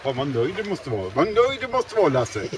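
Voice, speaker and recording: A man's voice: on the high side, very animated. An older man chatting casually and enthusiastically on a small sailboat, swearing freely in his praise. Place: small sailboat at sea in wind. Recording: loud wind noise, distant.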